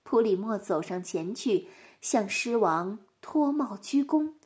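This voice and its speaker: A woman narrating a storybook with an expressive, animated delivery. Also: medium pitch, slow.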